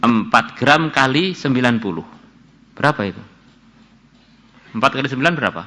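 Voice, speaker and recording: A man's voice: medium pitch, animated, normal speed, sharp tone. An older man from Indonesia, preaching and explaining Arabic text in a religious class. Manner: reads Arabic phrases then paraphrases them, acts out dialogue in a raised voice. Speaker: kyai teaching a religious class.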